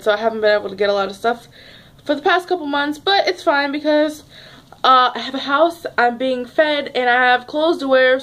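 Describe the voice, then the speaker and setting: A woman's voice: high-pitched, a bit bright. A young woman chatting casually in a home vlog, rambling and restarting her sentences as she talks to her viewers. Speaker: vlogger. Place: home room, at a table.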